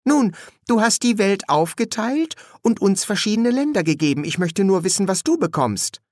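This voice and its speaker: A man voicing a sharp, questioning little girl. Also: high-pitched, big pitch swings, moderate pace, dry recording, studio quality, voice pushed up. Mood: probing.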